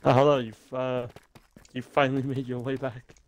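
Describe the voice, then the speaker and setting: A man's voice: mid-range voice, flat delivery, moderate pace, a little hiss or hum. A man with a Welsh accent chatting casually with friends over voice chat while playing a game, joking and often trailing off mid-sentence. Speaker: gamer on voice chat.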